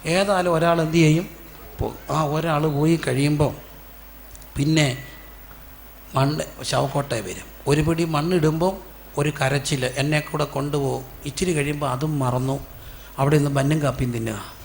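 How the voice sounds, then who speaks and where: A male pastor from giving a sermon. He asks the congregation questions and answers them himself, and acts out quoted voices in sudden loud bursts. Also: fairly high pitch, moderate pace, gravelly, pauses often, slight background noise.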